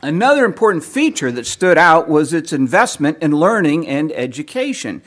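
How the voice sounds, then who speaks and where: A man giving a teaching sermon, lecturing in a measured way, clearing his throat often as he is losing his voice. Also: a little high, sing-song, a bit bright. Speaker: preacher.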